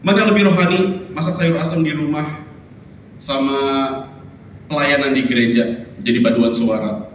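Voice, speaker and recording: A man's voice: fairly high pitch, moderate pace, long pauses, lo-fi sound, slight background noise. A man preaching a sermon, telling stories and acting out the people and the barking dog in them. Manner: animated storytelling, acts out voices and barking. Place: large church hall. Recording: echoey hall from far off.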